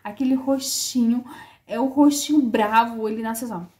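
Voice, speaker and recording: A woman's voice: on the high side, moderate pace, darkish tone. A woman casually telling the story of her child's birth, heartfelt and repetitive, full of fillers.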